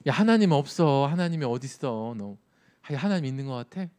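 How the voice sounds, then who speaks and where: A man's voice: medium pitch, animated, fairly quick, a little mellow, natural voice. A pastor voicing Satan as a sneering male tempter, mocking and needling in a youth sermon. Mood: taunting.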